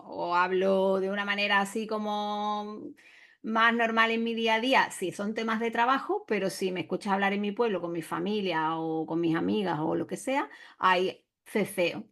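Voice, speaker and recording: A woman from Cádiz with a western Andalusian accent talks casually as a guest. Her voice sits at a middle pitch. She is thoughtful and hesitant, often pausing or restarting as she explains. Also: steady tone, gravelly, fairly bright tone. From Cádiz province, Andalusia, Spain. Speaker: guest, Spanish teacher. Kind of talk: casual conversation.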